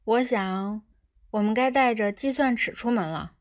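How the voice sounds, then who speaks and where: A woman reading the lines of a brash, impatient two-headed male space rogue, blunt and loud. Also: fairly high pitch, unhurried, lightly acted.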